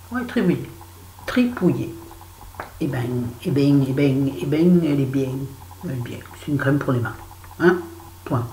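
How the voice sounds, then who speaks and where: A woman's voice: a bass voice, mellow. A middle-aged woman chatting casually through her used-up beauty products, playfully putting on a southern French accent. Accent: southern French, put on. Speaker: beauty vlogger. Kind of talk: casual empties review. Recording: echoey room with faint noise.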